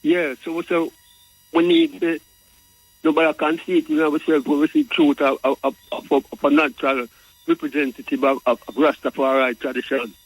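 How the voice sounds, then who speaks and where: A man's voice: fairly high pitch, moderate pace, gravelly, breathy edge, no room sound, poor audio. A Jamaican man calling in to a talk show, speaking in Rasta speech and reasoning, often repeating and circling back over his phrases. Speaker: radio call-in guest.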